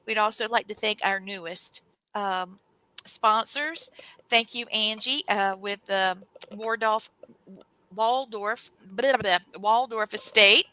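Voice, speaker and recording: A woman's voice: medium pitch, takes it slowly, sharp tone, clean tone, poor audio. Chatty, gushing woman co-host. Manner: chatty, gushing, many fillers. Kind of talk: casual show sign-off and chat.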